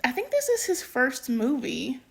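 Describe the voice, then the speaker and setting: A woman's voice: sits high, huge pitch swings, unhurried, gravelly. A woman co-hosting a casual movie review, giving emphatic, opinionated takes.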